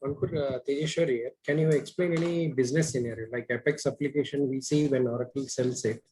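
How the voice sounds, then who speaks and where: A man asking questions in an online class, halting, with many fillers. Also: medium pitch, steady tone, dark tone, slight background noise, rough recording. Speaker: student.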